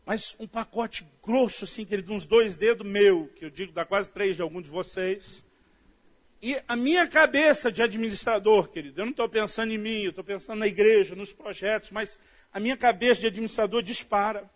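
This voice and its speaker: A high-pitched man with a Brazilian Portuguese accent preaches in an animated storytelling style. He talks to his listeners warmly as "dear". The recording sounds dull and lo-fi. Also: a little fast. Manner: storytelling, animated, often says "querido". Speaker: pastor. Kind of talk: sermon. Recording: dull lo-fi audio.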